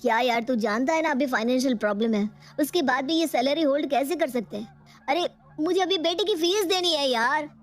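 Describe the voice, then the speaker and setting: A short-tempered young husband in a cartoon story, voiced by a woman, quick to raise his voice at his wife. The voice is high for a man, clearly the woman's own register. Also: close to an everyday voice. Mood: worried. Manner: irritable, shouting. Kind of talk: cartoon voice acting.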